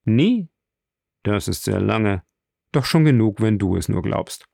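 A man's voice: lowish voice, lively intonation, measured pace, vocal fry, darkish tone, dry recording, studio quality, heavily acted. A man reading the part of a wealthy, composed count in an audiobook, courteous with a touch of irony. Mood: calm, courteous. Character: suave wealthy count, calm and commanding.

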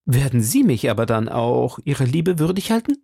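A man's voice: medium pitch, big pitch swings, moderate pace, gravelly, dark tone, dry recording, clean studio sound. A man voicing an ardent, gallant young musketeer in a read-aloud storybook, making fervent declarations.

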